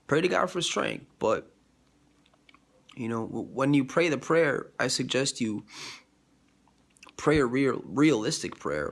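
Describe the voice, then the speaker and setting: Sniffly and congested from a cold, a man rambles about his faith in a vlog, stumbling over fillers and restarts. His mid-range voice is creaky and slightly bright.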